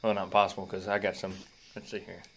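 A man's voice: low-pitched, completely flat delivery, quick pace, a bit bright, husky. Laid-back Kentucky man, pipe in mouth. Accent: Kentucky Southern American. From Kentucky, United States. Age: 20s. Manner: laid-back, musing, folksy. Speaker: pipe-smoking reviewer. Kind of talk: casual rambling review vlog. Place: small room indoors. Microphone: phone at arm's length.

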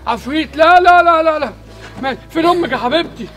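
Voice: sits high, very fast, music in the background, close to an everyday voice. A performer playing a panicky household worker and father with an Egyptian Arabic accent, pleading and jittery in a comedy skit.

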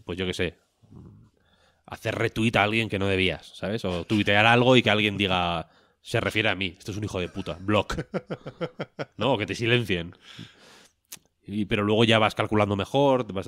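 A man's voice: fairly low pitch, fairly even intonation, normal speed, fairly bright tone, no echo, studio quality. A man, co-hosting a podcast in casual chat, rambling and joking with a lot of swearing. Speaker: podcast co-host.

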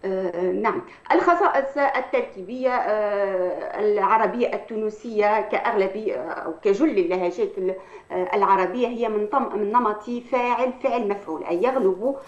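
A woman, an Arabic language professor, explains in a measured academic way and often pauses on hesitation sounds. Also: mid-range voice. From Tunisia. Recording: echoey, dull lo-fi sound.

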